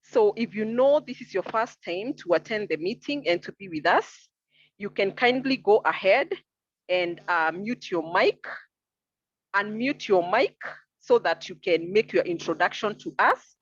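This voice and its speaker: Female meeting moderator, husky voice, polite and formal, heard on a dull, roomy online connection. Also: mid-range voice, animated, measured pace. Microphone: online meeting call. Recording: muffled, roomy online call audio.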